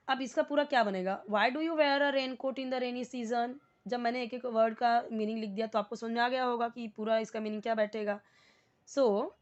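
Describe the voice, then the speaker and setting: Woman, English teacher, slightly high voice, step-by-step explaining, repeats terms, dull lo-fi recording. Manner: explains word by word, repeats terms, asks viewers to comment. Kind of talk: spoken English grammar lesson.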